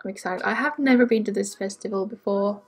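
A woman's voice: medium pitch, quick pace, breathy edge. A young woman casually chatting through her game as she plays, rambling and talking to herself with lots of ums. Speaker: let's play gamer. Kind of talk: casual gameplay commentary.

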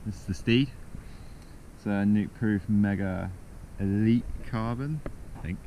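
A young man with a southern English accent, rambling casually while riding a mountain bike outdoors, recorded on a bike camera with loud wind and trail noise behind him. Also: on the low side, a little slow, poor audio. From southern England. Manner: rambling, relaxed, chatty.

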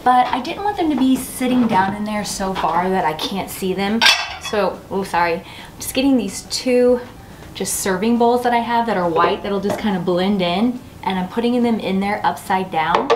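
Seated in her dining room with the camera across the table, a woman in her forties chats through a table setting for her casual how-to decor vlog. Her medium-pitched voice moves at a normal speed, bubbly and self-teasing, though heavy background noise surrounds it.

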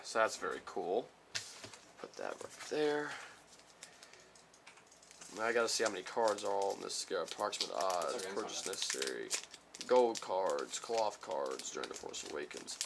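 A man chatting casually while unboxing trading cards, rambling and reading each card title aloud slowly, a little sick. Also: low-pitched, sing-song, creaky, background noise. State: slightly sick. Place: small room at home.

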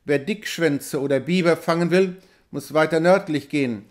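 A man's voice: fairly high pitch, moderate pace, natural voice. A man voicing a jovial, stout frontier hunter who asks probing questions.

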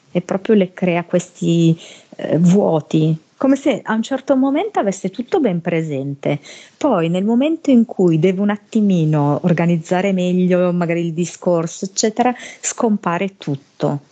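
Low husky woman, northern italian accent, slow hesitant channeling, mellow tone. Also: expressive, muffled recording. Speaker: hypnosis medium. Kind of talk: channeling in a hypnosis session.

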